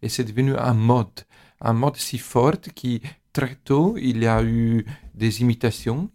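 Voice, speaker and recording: A man speaks French with a foreign accent, his first language being Italian, in a gravelly, creaky voice. He explains like an interviewed expert, pausing often to hunt for the right word. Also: mid-range voice, warm tone. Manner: halting, searching for words in imperfect French. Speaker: musician interviewed as expert on organ music.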